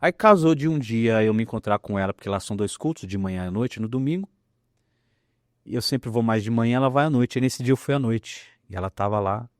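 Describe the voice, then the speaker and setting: A man, a pastor telling a healing story in an animated, emphatic way. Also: medium pitch, fairly quick, no room sound, studio quality. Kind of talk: testimony in a conversation.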